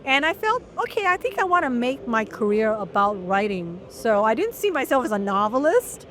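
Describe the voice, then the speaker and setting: Articulate middle-aged woman, higher voice. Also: very animated, a bit bright. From Malaysia. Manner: articulate, measured storytelling. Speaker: guest journalist. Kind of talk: long-form interview.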